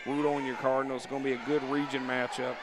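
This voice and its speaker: Chatty man calling high school hoops. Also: little pitch movement, quick pace. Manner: rambling, chatty, many restarts. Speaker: play-by-play commentator. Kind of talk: local high school basketball commentary. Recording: noisy gym ambience.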